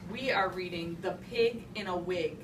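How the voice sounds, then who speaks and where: In a lowish voice at normal speed, a woman teacher reads aloud to small children and instructs them, leaning on simple repeated phrases and emphasized key words. The recording comes from a far microphone in an echoey, noisy classroom, where young children talk amid room noise.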